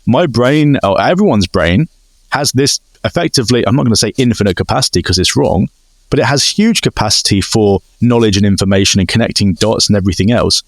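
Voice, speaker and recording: A man's voice: lowish voice, fairly quick, dry recording. A man co-hosting a podcast, telling stories in a casual chat and acting out both sides of conversations. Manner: animated storytelling, acts out exchanges. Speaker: podcast co-host.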